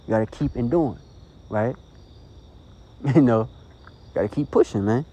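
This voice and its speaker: Earnest man preaching, dark voice. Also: mid-range voice, normal speed, husky. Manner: earnest, rambling, many "you know" and "okay?" tags. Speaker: street preacher. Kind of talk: informal preaching to camera. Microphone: phone recording.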